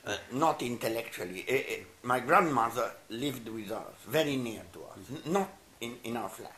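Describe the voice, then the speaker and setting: This older man, an anthropologist whose first language is Italian, speaks expressively at a medium pitch while giving reflective interview answers. Warm and halting, he stammers, restarts, and laughs quietly, in a roomy room with echo and faint noise.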